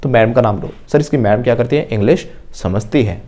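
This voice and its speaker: A man with an Indian English accent, a Hindi speaker, teaching a spoken English lesson and drilling each phrase slowly, word by word. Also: medium pitch, mellow. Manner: drills phrases slowly and deliberately, pausing between words.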